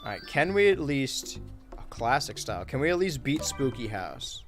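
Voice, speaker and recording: A young man casually chatting on a gaming livestream, wry and relaxed, reading chat aloud while he plays. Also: medium pitch, moderate pace, over music. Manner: laid-back, wry, reads chat aloud while playing. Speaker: streamer and YouTuber.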